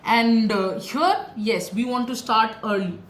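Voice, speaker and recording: Brief: woman, ex-cricketer panelist, somewhat high voice, halting and full of fillers, echoey room. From India. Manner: quick, halting, many fillers like "you know". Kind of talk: casual discussion. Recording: roomy echo with faint noise.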